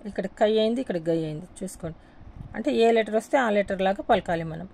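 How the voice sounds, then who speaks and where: A woman giving a patient, step-by-step writing lesson, explaining slowly and repeating each step as she writes. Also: mid-range voice, vocal fry, dark tone, slight background noise. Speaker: teacher.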